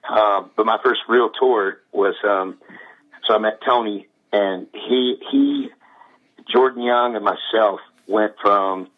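A man, a guest musician, talking casually in an interview, relaxed and rambling with lots of fillers. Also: on the low side, takes it slowly. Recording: tinny phone line.

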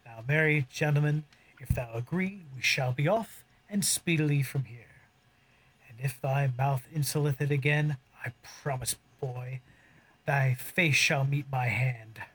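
An actor playing a cocky, roguish young smuggler captain, delivering boastful Shakespearean verse. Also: male voice, mid-range voice, a little slow, fairly bright tone, husky, poor audio. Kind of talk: audio drama acting in verse.

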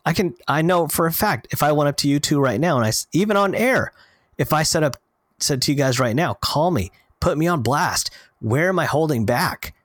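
A man's voice: a little high, brisk, dry recording. A man co-hosting a podcast, talking earnestly in casual chat and acting out little bits of dialogue as he tells stories. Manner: earnest, animated storytelling with quoted dialogue. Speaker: podcast co-host.

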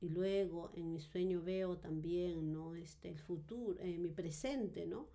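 A woman's voice: fairly low pitch, takes it slowly, dark tone. A woman giving a personal testimony in conversation, hesitant and full of fillers and tag questions.

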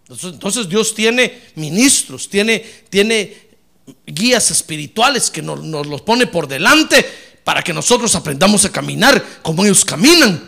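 A man's voice: high voice, gravelly, sharp tone. A man preaching a sermon, asking the congregation rhetorical questions and calling them brother. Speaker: pastor.

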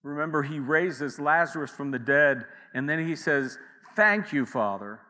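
A man preaches in a bright, forceful voice with a fairly high pitch. His delivery is conversational, full of asides and acted-out quotes. A long reverb trails each phrase, as in a large church hall. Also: expressive, unhurried. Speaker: pastor. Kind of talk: sermon.

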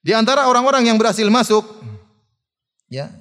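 A man giving a religious lecture, telling a story in a lively way, with fillers and laughs. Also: very high-pitched, fairly quick. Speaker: preacher. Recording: long hall reverb.

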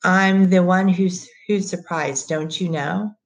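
A woman's voice: fairly low pitch, steady tone, takes it slowly. A woman voicing a menacing, scornful middle-aged businessman who taunts and bullies. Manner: sneering, taunting.

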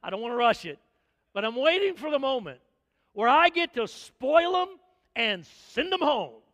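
High-voiced pastor preaching in an echoey hall. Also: male voice, normal speed, dull audio. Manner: animated, acts out little dialogues. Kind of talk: sermon.

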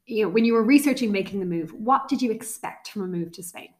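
A woman's voice: medium pitch, expressive, fast talker, darkish tone. A woman hosting a podcast interview, upbeat and chatty. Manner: upbeat, scripted intro then chatty. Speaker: podcast host. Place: apartment overlooking the sea.

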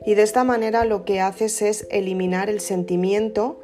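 A woman giving a casual, gentle self-help talk, often checking in with the listener. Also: medium pitch, fairly even intonation, normal speed. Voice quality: soft, conversational, asks "¿no?" often. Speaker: emotional wellbeing speaker. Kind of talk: casual motivational talk to camera. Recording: soft guitar music underneath.

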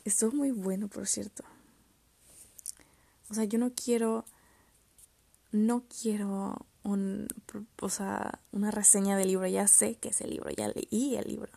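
A woman's voice: medium pitch, level tone, unhurried, vocal fry, long pauses, mellow, no room sound. A young woman hosting a casual solo podcast, rambling and interrupting herself, often trailing off into muttered whispers as she talks about poetry. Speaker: podcast host.

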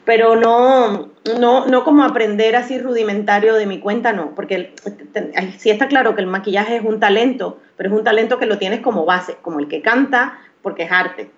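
A woman's voice: medium pitch, a little fast. A woman in her thirties from Venezuela with a Maracaibo accent, a makeup artist answering interview questions hesitantly, with many restarts. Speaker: guest, professional makeup artist. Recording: slightly dull, lo-fi sound.

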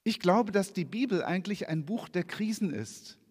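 Lively male preacher in echoing church. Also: sits high, moderate pace. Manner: lively, expressive reading with asides. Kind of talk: sermon reading scripture with slides. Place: church hall. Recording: long church reverb.

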